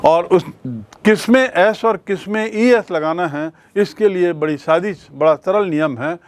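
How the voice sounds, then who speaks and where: Slow, patient male teacher. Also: high voice. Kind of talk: classroom grammar lesson.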